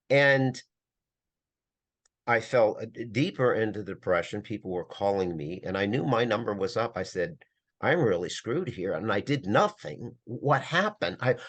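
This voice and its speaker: A man's voice: on the low side, a bit bright. A man as a podcast guest, telling a personal story in an earnest, emphatic way with frequent restarts.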